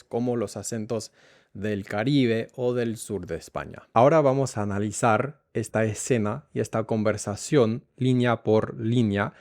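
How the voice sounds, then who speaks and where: A man's voice: medium pitch, darkish tone, dry recording. Patient man teaching Spanish, dry sound. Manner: slow, repeats words for learners. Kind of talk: language lesson.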